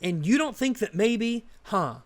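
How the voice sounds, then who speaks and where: A man's voice: high-pitched, lively intonation, unhurried. A man hosting a commentary video, ranting sarcastically in exasperated criticism of a show. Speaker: commentary channel host.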